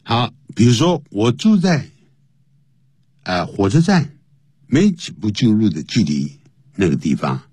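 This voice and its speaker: Slow, husky-voiced male teacher. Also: very animated, warm tone, no echo. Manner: explains slowly, spells words out letter by letter; pitch jumps high to stress points. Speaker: English teacher. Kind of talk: classroom English lesson.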